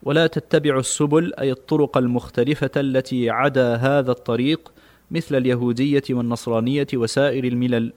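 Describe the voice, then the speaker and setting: A man reading classical religious texts aloud in a study session, with steady, measured recitation. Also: medium pitch.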